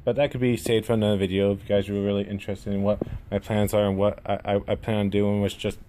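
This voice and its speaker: A man's voice: fairly low pitch, little pitch movement, mellow. A man with a lisp that draws out his S sounds and slurs slightly, giving a rambling, self-effacing, casual gaming vlog to camera at home. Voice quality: lisp with drawn-out, slurred S sounds. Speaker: gaming YouTuber introducing himself. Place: indoors at home. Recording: noticeable room noise.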